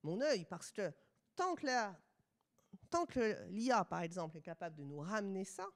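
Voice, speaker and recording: A woman's voice: mid-range voice, animated, moderate pace. A middle-aged woman from France with a French accent, giving a conference lecture with ironic asides.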